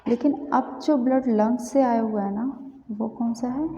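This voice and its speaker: A woman with a slightly high, dark-toned voice speaks at normal speed while teaching anatomy in a casual lesson. She walks through diagrams, repeats "theek hai" often, and keeps checking that listeners follow. The recording sounds roomy and dull, with long reverb and faint hiss.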